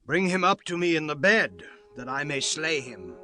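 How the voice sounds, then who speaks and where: A man's voice: on the high side, sing-song, normal speed, faint music behind, exaggerated voice. A man playing an angry, commanding king of ancient Israel in a dramatized Bible reading. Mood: angry, accusing. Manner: forceful, commanding, archaic diction. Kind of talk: dramatized scripture acting.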